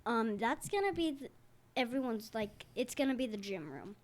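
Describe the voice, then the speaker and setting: A woman's voice: on the high side, big pitch swings, moderate pace. A teenage daughter chatting casually as co-host, giggly and easily losing her train of thought. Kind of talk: casual chat.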